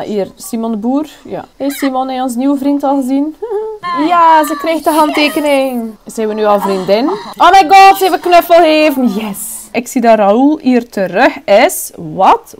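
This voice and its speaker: A woman with a Flemish accent giving chatty, excitable commentary while playing a life-sim game, with frequent exclamations. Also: fairly high pitch, slight background noise. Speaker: gaming YouTuber. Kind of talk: casual let's-play commentary.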